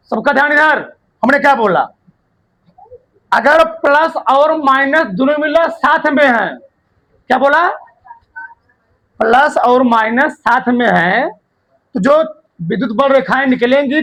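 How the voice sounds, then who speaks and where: A man teaching a class in a strikingly high voice with a sharp, bright edge. He dictates notes word by word, repeating key terms, and keeps quizzing his students to check they follow. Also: poor audio.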